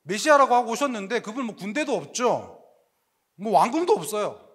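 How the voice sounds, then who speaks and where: A male pastor preaching a sermon to young adults, animated and joking, with lots of rhetorical questions. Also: sits high, normal speed, breathy edge.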